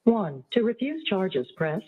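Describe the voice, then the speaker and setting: A woman's voice: mid-range voice, big pitch swings, measured pace, slightly rough. A woman's recorded voice giving formal announcements of a jail collect call, heard over a payphone line. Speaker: automated jail phone operator. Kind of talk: recorded phone system prompt. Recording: tinny phone line.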